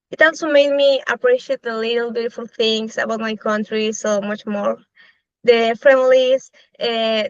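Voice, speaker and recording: Higher-voiced young Chilean woman, dry lo-fi. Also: no echo. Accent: Chilean Spanish. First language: Spanish. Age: young adult. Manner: thoughtful, with frequent "eh" fillers. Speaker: interviewee, law student. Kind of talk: casual interview answers. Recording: dry, slightly dull lo-fi recording.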